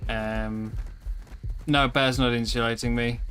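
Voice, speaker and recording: A man's voice: mid-range voice, level tone, takes it slowly, fairly bright tone, a little hiss or hum. A tired man streaming a survival game live, rambling through casual commentary with frequent ums and self-corrections. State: tired and yawning.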